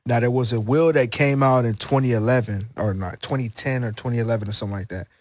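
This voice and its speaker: A man's voice: mid-range voice, fast, darkish tone, no room sound. A man co-hosting a casual podcast, talking in a loose, rambling, slangy way with many restarts. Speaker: podcast co-host.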